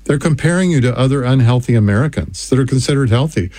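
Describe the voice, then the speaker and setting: An older man hosting a radio health show, reading customer testimonials and repeating a toll-free number in an earnest sales pitch. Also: lively intonation, fast talker, warm tone, dry recording.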